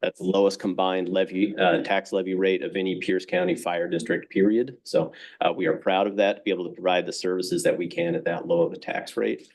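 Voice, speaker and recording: A middle-aged fire chief with a fairly low voice walks a city council through his numbers. He talks briskly and plainly, the way someone does when he has promised to keep it short. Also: little pitch movement, darkish tone. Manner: brisk, plain-spoken, figures-heavy. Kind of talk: public presentation. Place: council chamber.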